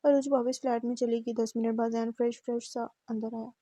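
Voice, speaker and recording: A woman narrating a romance novel in a steady, even reading voice. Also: a little high, fairly quick, no echo. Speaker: audiobook narrator. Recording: dull muffled recording.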